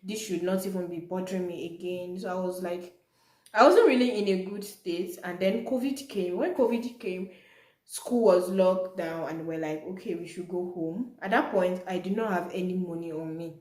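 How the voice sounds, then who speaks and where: Her voice is on the low side, a little mellow, and paced moderately. She is a young adult Nigerian, a native Yoruba speaker, casually recounting a story for her vlog viewers in a room with noticeable echo.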